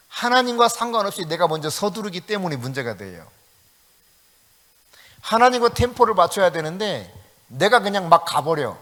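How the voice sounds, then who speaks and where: A man's voice: high voice, a bit bright, long reverb tail. A middle-aged male pastor from South Korea preaching at an evening prayer meeting, acting out prayers and quoted speech with rising emphasis and laughing often.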